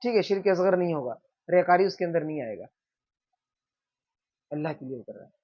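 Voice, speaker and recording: A man's voice: fairly high pitch, expressive, a little mellow. A man teaching an informal religion class, asking questions and answering them himself, often checking in with his listeners. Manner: conversational, checks in with "theek hai". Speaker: Islamic teacher. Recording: dull lo-fi sound.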